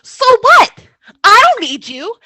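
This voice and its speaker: A woman acts out a brash, grandiose villainess in a comedic script reading. Her theatrical delivery is high and slow, with lively swings of pitch. She sounds spiteful and scheming. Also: no room sound, exaggerated voice. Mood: defiant, grandiose. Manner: theatrical, emphatic.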